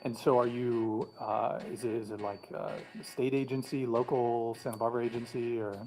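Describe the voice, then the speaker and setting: A man's voice: medium pitch, flat delivery, normal speed, music in the background, poor audio. A man hosting a panel show, asking guests blunt questions in a casual, joking way and swearing now and then.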